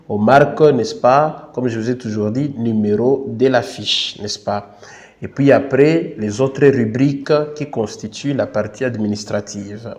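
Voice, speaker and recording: A man's voice: medium pitch, warm tone. A man with a Congolese French accent giving a patient, repetitive teaching tutorial, often tagging phrases with "n'est-ce pas" and apologising for his English. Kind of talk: instructional screen tutorial.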